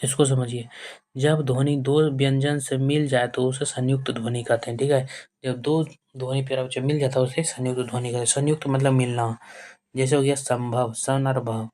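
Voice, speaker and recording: A man's voice: medium pitch, level tone, moderate pace, a little mellow. A male teacher giving a board-exam grammar lesson. He repeats himself, calls his students dear children, asks questions and answers them himself. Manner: repetitive, keeps addressing students fondly and checking with "okay".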